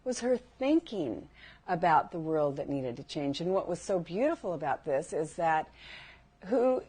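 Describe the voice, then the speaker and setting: A woman's voice: sits low, big pitch swings, moderate pace, slightly rough. Chatty middle aged woman running a workshop, keeps asking the room stuff. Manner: warm, chatty, asks the audience questions. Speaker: workshop teacher. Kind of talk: live workshop talk to a group.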